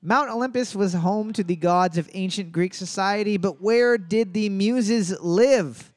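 Leading a live trivia night, a high-pitched man reads out questions and slowly spells each answer choice letter by letter. He's lively and jokes between rounds, and there's no room sound.

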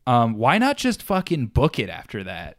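A man's voice: medium pitch, normal speed, dry recording, studio quality. Sarcastic man in casual movie chat. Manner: animated, sarcastic, acts out quotes in silly voices.

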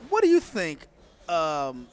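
A man's voice: fairly high pitch, huge pitch swings, takes it slowly. A man commentating live on a wrestling match, chatting and putting questions to his fellow commentators. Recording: noisy crowd around the voices. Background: wrestling crowd.

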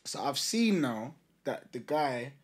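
Here a young Londoner with a roadman slang accent banters and shares anecdotes, teasing as he goes. His mid-range voice is sing-song and slow, carrying a breathy edge.

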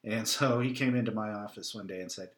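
A man's voice: fairly low pitch, brisk. A man speaking casually as an interview guest, hesitant and given to chuckling, recorded in a living room. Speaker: interview guest, magazine writer. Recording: roomy, echoey living room.

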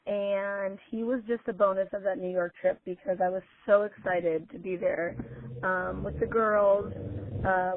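Woman caller leaving an excited voicemail, rambling with ums, over a thin phone line. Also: medium pitch. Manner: chatty and excited, with frequent ums. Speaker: listener calling in. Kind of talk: casual spoken voicemail.

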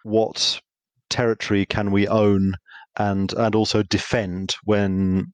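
Man acting out anecdotes, lower voice. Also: takes it slowly, no echo. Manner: lively storyteller, acts out little dialogues. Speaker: podcast guest, marketing expert. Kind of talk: conversational explaining.

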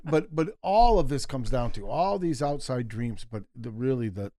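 A man's voice: mid-range voice, animated, normal speed, mellow. A man co-hosting a casual podcast who rambles and keeps restarting his sentences. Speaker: podcast co-host.

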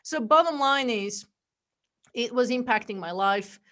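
A woman's voice: a little high, expressive, measured pace. Middle-aged woman, Bulgarian accent with Australian and American hints, chatty interview guest. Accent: Bulgarian, mixed with Australian and American. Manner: warm storytelling, frequent fillers and laughs. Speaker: podcast guest. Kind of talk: casual interview chat.

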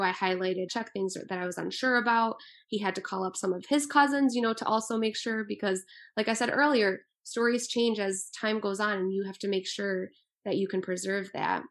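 A woman in her twenties, born in Albania, speaking as an author in an earnest, thoughtful interview. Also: medium pitch. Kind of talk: interview answers.

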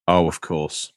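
This podcast host has a low-pitched voice captured with studio quality and no echo. He reads listener comments in a casual chat, drifting into playful, rambling asides and leaning on theatrical emphasis.

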